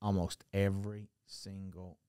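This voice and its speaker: A middle-aged man telling a story on a podcast in a book-lined study, speaking into a boom mic, animated and given to restarts, his voice dropping quietly at the ends of phrases. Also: a little slow, clear, resonant tone, dry recording, studio quality. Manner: animated, gestures a lot, restarts and trails off quietly. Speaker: podcast guest. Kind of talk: storytelling conversation. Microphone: studio mic on a boom arm.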